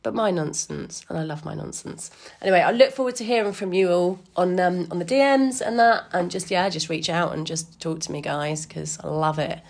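Creaky, slightly wheezy woman, chatting. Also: lowish voice, brisk, hardly any pauses. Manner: informal, chatty, enthusiastic, lightly sweary. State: a bit wheezy today. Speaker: podcast host. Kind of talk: casual solo musing.

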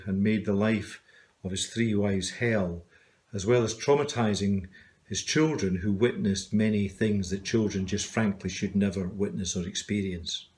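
Middle-aged man, lowish voice, earnest and measured, telling a reflective personal story. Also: a little mellow. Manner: measured, earnest, often slowing down. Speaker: video storyteller.

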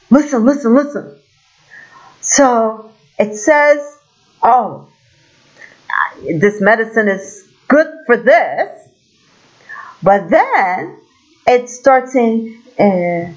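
Woman from Turkey, a bit high-voiced, casual monologue with exclaimed asides, dull recording. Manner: animated storytelling, exclaims in quoted asides.

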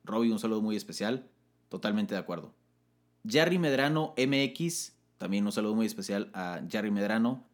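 A young man with a Mexican Spanish accent co-hosting a casual chat, reading listener comments in an upbeat way and laughing often. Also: normal speed. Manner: upbeat, laughs often, jumps pitch when excited.

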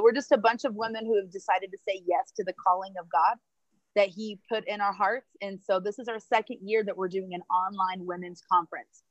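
A woman's voice: medium pitch, no echo, low-quality recording. A woman who leads a women's ministry, talking enthusiastically and chattily on a video call from a marketplace. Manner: enthusiastic and chatty, quick asides. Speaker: ministry leader. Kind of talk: casual livestream chat.

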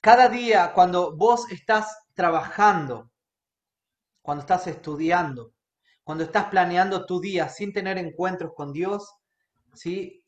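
A man's voice: sits high, unhurried. A man preaching a sermon as a pastor, earnest and often checking in with his listeners. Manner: earnest, checks in with the congregation by asking "right?" again and again. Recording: echoey room.

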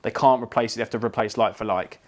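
A man's voice: lowish voice, fast. Chatty English man telling a story. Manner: animated, swears freely, quotes people in his story. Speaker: podcast co-host. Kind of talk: casual storytelling chat.

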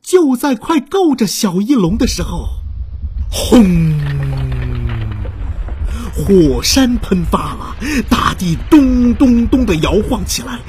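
A woman reading a children's story aloud, expressive and acting out the sound effects. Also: medium pitch, slow pace, slight background noise.

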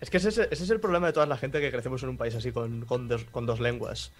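A man with a mild Andalusian accent chats easily as a guest, laughing often and dropping casual swear words. His voice sits in a middle pitch. Soft music hums faintly behind him. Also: fast talker. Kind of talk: casual chat.

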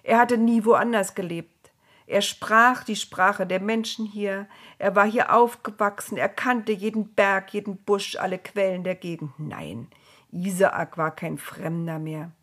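Slow, breathy woman reading a story. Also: medium pitch. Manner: calm, measured storytelling.

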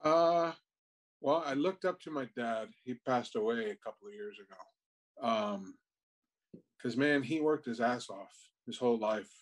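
A man from Texas, a podcast guest talking in an easygoing, halting way with casual swearing. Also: medium pitch, low-quality recording. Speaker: guest, tattoo artist. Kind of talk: casual interview chat.

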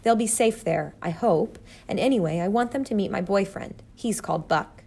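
Woman reading as a proper young girl mouse, bright-eyed and earnest, slight gravel in the voice, storybook figure. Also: mid-range voice, moderate pace.

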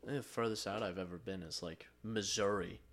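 A man's voice: low voice, steady tone, normal speed, a bit bright. A young American man co-hosting a podcast, chatting in a laid-back way with dry, swearing remarks. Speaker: podcast co-host. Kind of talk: casual chat.

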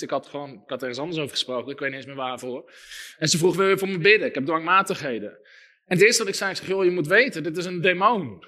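A male preacher with a high, bright voice delivers an emphatic sermon. He builds his points through lists and tells stories, acting out the lines of the people in them. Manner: emphatic, storytelling with lists and quoted dialogue.

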